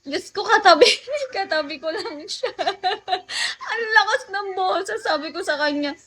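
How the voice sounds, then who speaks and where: A woman's voice: extremely high pitch, lively intonation, measured pace, sharp tone. A woman from the Philippines chatting casually with viewers on a late-night phone livestream, telling stories and laughing often.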